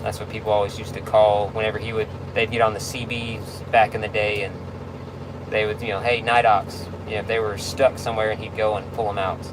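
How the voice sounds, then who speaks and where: A man in casual livestream chat, answering viewer questions in a laid-back, halting, conversational way. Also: lowish voice, little pitch movement. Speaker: tow truck driver livestreaming. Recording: clear vehicle and road noise.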